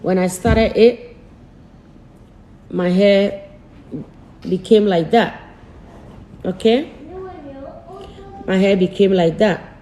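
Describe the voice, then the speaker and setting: Woman, emotional vlog confession, slow unhurried delivery, mellow tone, faint room noise. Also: medium pitch, steady tone, low-quality recording. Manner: slow, repetitive storytelling with simple phrasing; emotional, soft-spoken confiding. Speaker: vlogger. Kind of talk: emotional personal vlog talk.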